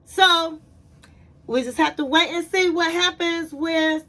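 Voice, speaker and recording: In a very high voice and at a slow pace, a woman recaps a reality show casually, spinning it as a story. She animatedly acts out the quotes and addresses her viewers as "honey" and "my queens."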